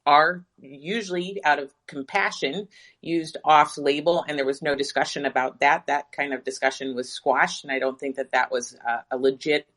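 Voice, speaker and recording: Bright-voiced woman physician. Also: low voice, fairly even intonation, normal speed. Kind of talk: casual live audio discussion.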